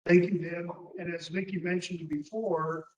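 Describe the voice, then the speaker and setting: A man's voice: high-pitched, flat delivery, normal speed, noisy background. A man responding informally as an official at a public meeting. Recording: muffled, echoey, distant meeting microphone.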